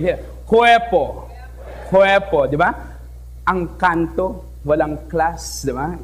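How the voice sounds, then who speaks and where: A young man from the Philippines telling a personal story to a live audience on stage, playful and talkative, often asking the crowd questions. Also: sits high. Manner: lively, playful, switches between languages, asks the audience questions. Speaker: teacher giving a talk. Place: stage in an event hall.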